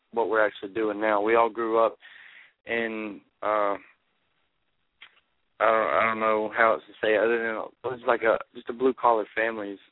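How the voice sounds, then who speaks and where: A man's voice: fairly low pitch, dry recording. Southern hillbilly-accented man on a phone line. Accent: Southern US, Alabama hillbilly twang. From Alabama, United States. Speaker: interview guest, rock band lead singer. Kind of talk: casual phone interview chat. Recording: tinny phone line, radio show.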